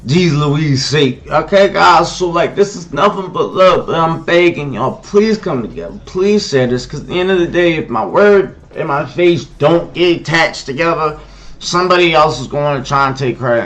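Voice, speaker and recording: A man's voice: on the high side, animated, normal speed, highs cut off. Impassioned man preaching on a livestream. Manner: preachy and emphatic, repeats "okay?"; shouts at someone off-mic. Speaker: livestream host.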